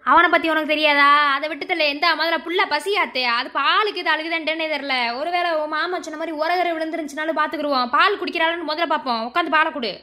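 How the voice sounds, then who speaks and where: A woman's voice: high-pitched, fairly even intonation, bright, forceful tone. A woman playing a stern grandmother who scolds her son and protects her daughter-in-law in a family skit. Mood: urgent. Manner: scolding and bossy, rapid commands. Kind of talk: amateur village drama acting.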